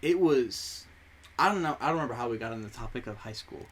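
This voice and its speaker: A young man from the United States, a native Spanish speaker, co-hosts a podcast with a mid-range, slightly bright voice. He talks fast with lively intonation, rambling through stories in casual chat and often correcting himself.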